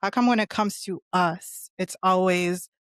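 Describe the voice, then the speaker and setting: Earnest woman on a podcast, low-pitched. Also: unhurried, smooth, no echo, clean studio sound. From Palestinian family. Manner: earnest, many restarts and fillers. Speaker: podcast guest panelist. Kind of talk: casual podcast discussion.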